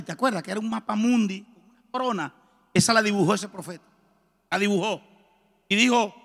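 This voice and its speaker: A middle-aged man preaching a testimony sermon, telling his story in a lively way and acting out the dialogue. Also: sits high. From Colombia. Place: church. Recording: reverberant church hall.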